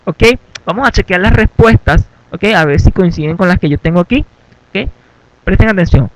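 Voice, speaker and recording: A man's voice: high voice, lively intonation, normal speed, no echo, low-quality recording. A man teaching an English lesson in Spanish, giving instructions step by step and checking in with "ok" again and again. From Venezuela. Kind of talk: classroom lesson.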